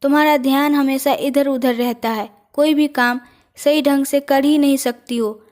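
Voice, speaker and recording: Cold, stern young male boss, high voice, read by a woman storyteller. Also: fairly even intonation, normal speed, darkish tone, close to an everyday voice. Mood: scolding.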